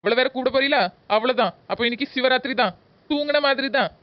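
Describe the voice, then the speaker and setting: A high, fast voice of a woman playing a cartoon daughter-in-law. She grumbles sarcastically in a southern Tamil Nadu accent, on dull lo-fi audio. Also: no room sound, lightly acted. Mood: sarcastic. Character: grumpy, sarcastic young daughter-in-law woken from sleep. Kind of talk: comedy skit voice acting.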